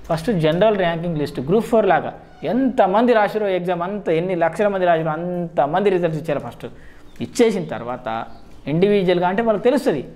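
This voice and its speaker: A man's voice: high-pitched, expressive, quick pace, darkish tone. A man with a Telangana Telugu accent explaining things informally to viewers, mixing in frequent English words. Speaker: job-exam advice video host.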